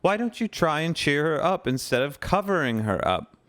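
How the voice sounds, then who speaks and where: A man voicing a bossy, earnest teenage schoolgirl who speaks brisk and severe. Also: on the high side, very animated, a bit bright, pitched above the performer's own voice. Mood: exasperated.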